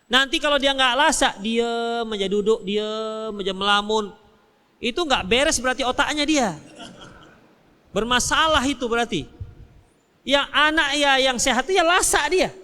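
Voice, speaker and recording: A man with a Medan Indonesian accent giving a religious study lecture and answering questions, lively and jokey, acting out little dialogues. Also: extremely high pitch, normal speed, clear, resonant tone. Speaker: Islamic preacher. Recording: hall reverb.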